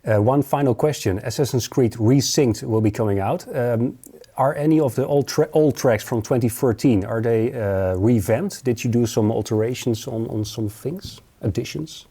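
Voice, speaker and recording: A man's voice: mid-range voice, normal speed, warm tone, husky. A man interviewing a guest casually, chatty and friendly with small jokes. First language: Dutch. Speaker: radio interviewer.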